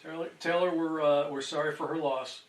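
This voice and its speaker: A man with a slightly high voice hosts a casual livestream chat. He sits back from the boom mic, so he sounds far off. The room adds a noticeable echo around his words. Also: fairly even intonation, brisk. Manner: distant from the microphone. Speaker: livestream host. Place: indoors at a table. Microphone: boom microphone. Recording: roomy echo, distant microphone.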